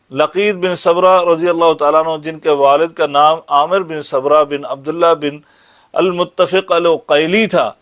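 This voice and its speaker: A man teaches a hadith class, his voice sitting high for a man. He recites each Arabic line slowly, then breaks it down in a patient, explaining tone. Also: clean tone. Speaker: Islamic teacher giving a hadith lesson. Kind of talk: religious lesson.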